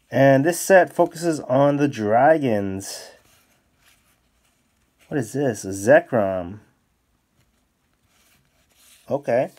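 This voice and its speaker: Male YouTuber, unhurried casual unboxing chat, yelps when thrilled. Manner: excitable, bursts into high exclamations. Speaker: card-opening YouTuber. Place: indoors at a desk, off camera.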